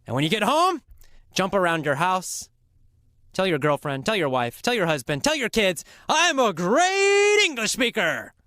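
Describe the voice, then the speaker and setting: A man telling a simple story as an English lesson, acting out every quoted line with sudden high bursts and dropping to a whisper. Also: normal speed, no echo, studio quality. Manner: very animated, leaps to high excited voices for quotes and drops to whispers. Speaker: English teacher.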